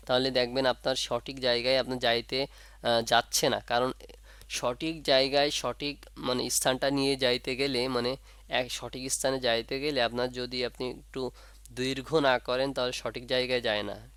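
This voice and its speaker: A man's voice: medium pitch, a bit bright, no room sound. A man teaching Quran reading, explaining patiently and demonstrating each sound. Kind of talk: casual spoken lesson.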